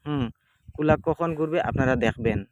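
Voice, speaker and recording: A man's voice: a little high, brisk, lo-fi sound. Man explaining a folk ritual over noise. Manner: repetitive, plain explaining, addresses viewers directly. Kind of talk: casual spoken demonstration. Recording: clearly noisy home video.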